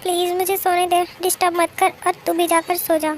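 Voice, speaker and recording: A woman's voice: extremely high pitch, monotone, fairly quick. A woman voicing an irritable, sleepy young woman roommate who brushes off her friend in a fan-made drama dub. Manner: irritable, dismissive.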